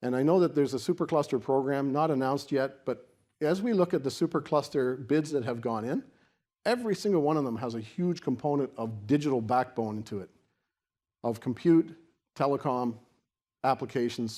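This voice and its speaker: A man giving a semi-extemporaneous podium speech as a keynote speaker, explaining in a halting way with repeated restarts. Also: medium pitch, darkish tone. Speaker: keynote speaker for a technology organisation.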